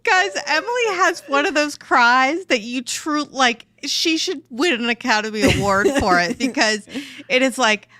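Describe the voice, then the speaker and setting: A woman's voice: high-pitched, lively intonation, normal speed, hardly any pauses, sharp tone, dry recording. A woman co-hosting a casual podcast, teasing her friend and speaking straight to listeners. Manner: teasing, addresses listeners directly. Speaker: podcast co-host. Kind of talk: casual chat.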